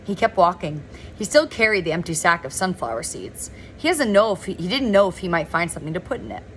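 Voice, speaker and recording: A woman reading a novel aloud in a relaxed, informal way, now and then stumbling over words and correcting herself. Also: fairly low pitch, fast talker, a little hiss or hum. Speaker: reader of a novel. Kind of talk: informal read-aloud narration.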